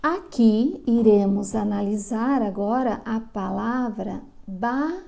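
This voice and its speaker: A middle-aged woman from Brazil, a literacy teacher explaining to parents, slowly sounding out syllables. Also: on the high side, vocal fry, warm tone. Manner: slow, drawn-out sounding of syllables.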